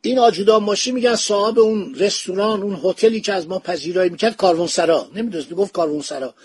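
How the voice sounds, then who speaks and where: A man's voice: high-pitched, slightly rough, no room sound. A man speaking, retelling a historical travel account in a casual storytelling manner as a podcast host. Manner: anecdotal retelling, acts out quoted dialogue. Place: home study with bookshelves.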